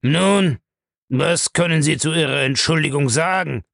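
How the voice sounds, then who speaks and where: A man's voice: on the high side, measured pace, vocal fry, fairly bright tone, no room sound, studio quality, voice pushed up. A man reading a novel aloud, voicing an irascible, domineering old man who demands answers. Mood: demanding.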